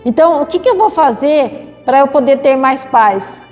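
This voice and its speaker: A middle-aged woman with a Brazilian accent giving a spiritual lecture, slow and measured, repeating phrases and adding tag questions. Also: high voice, expressive, a little mellow, in a large hall, faint music behind. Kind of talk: spiritual talk. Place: spiritist center hall.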